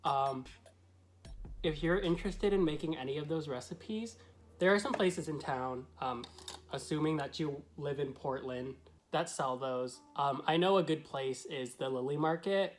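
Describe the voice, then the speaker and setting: A man's voice: a little high, measured pace. A man who is a drag queen vlogger, talking through a tutorial to camera in a chatty, meandering, explanatory way. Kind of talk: casual tutorial talk to camera.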